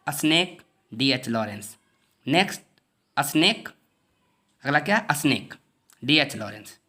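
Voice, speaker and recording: A man from India, giving a syllabus lesson for exam students. He reads each title slowly twice, often clearing his throat. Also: medium pitch, sharp tone. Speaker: teacher.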